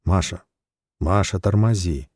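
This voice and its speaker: A steady, unflustered husband speaks low and firm, as the male narrator voices him. His voice is deep and mellow. It sounds dry and close. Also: measured pace, husky, no echo. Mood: calm firm. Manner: calm, firm, even. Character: calm, weary man in debt, middle-aged.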